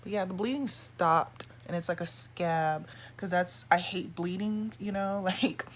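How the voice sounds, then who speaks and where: A woman's voice: lowish voice, measured pace. A woman vlogger chatting casually to camera in a rambling, confiding way. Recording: clear background noise.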